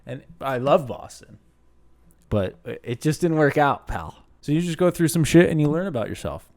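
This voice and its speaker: A man's voice: on the high side, animated, moderate pace, darkish tone. Rambling man in his late twenties. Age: late 20s. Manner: rambling, self-deprecating, conversational with restarts. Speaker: channel host. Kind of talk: casual Q and A vlog.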